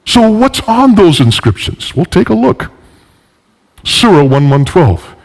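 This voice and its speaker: Despite a bad cold and fever, this lecturer speaks emphatically at a measured pace, his high voice sing-song as he questions the audience with pointed rhetorical questions. The hall he's in is large and reverberant, with a long echo.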